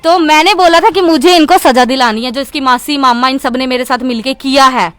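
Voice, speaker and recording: A young woman from Chandigarh talks to the press in a high voice, firm and indignant as she presses her case. The sound is dry and close, with no room around her. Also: brisk, fairly bright tone, no echo, faint music behind. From Chandigarh, India. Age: young adult. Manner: indignant, insistent, keeps repeating "okay". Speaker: interviewee speaking to media. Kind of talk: heated media interview.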